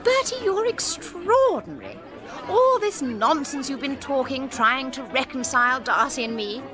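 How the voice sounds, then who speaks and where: An actress playing an imperious, high-minded young upper-class English lady novelist in a comic radio drama, precise and commanding. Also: big pitch swings, measured pace, music in the background, a crowd in the background. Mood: brisk, haughty.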